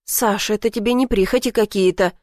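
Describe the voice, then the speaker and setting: A woman's voice: mid-range voice, a little fast, dry recording, studio quality, lightly acted. A woman voicing a weary pleading mother. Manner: soft, pleading, evasive. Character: tired gentle middle-aged mother, placating.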